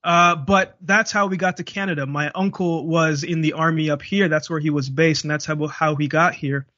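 A man's voice: on the high side, fairly even intonation, normal speed, pushed and bright, no room sound, dull audio. A young man from Jamaica, a guest speaker, telling his life story and acting out the dialogue. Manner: vivid storyteller, acts out dialogue. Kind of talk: storytelling interview.

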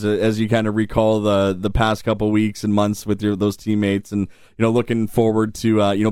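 Smooth-voiced male radio interviewer. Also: lowish voice, a little mellow, no echo, clean studio sound. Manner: long wordy questions with fillers. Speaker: interviewer host.

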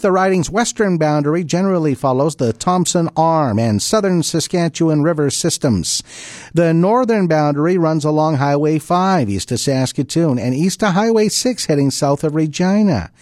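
Animated male radio announcer. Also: mid-range voice, no room sound, studio quality. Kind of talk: local radio promotion and news presenting. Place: radio studio. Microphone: close studio microphone.

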